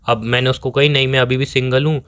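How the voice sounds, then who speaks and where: A man's voice: medium pitch, flat delivery, quick pace, fairly bright tone, smooth. A man playing a boyfriend on a phone call, rambling defensively and pleading to be heard. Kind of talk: scripted couple call recording.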